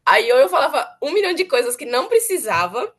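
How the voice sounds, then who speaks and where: A woman's voice: high voice, very animated, quick pace. A young woman chatting earnestly as an interviewee, repeating words for emphasis. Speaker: former student interviewee. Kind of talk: casual interview chat.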